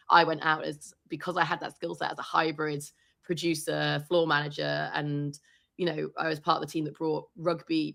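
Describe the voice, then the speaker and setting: A woman sports reporter chatting as an interview guest, telling animated stories and laughing often. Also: deep voice, gravelly. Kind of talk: casual interview chat.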